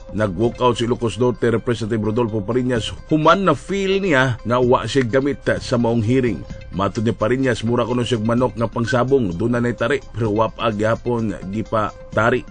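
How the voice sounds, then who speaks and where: A man's voice: medium pitch, moderate pace, faint music behind. A man with a Cebuano accent giving wry broadcast news commentary, often addressing listeners as friends.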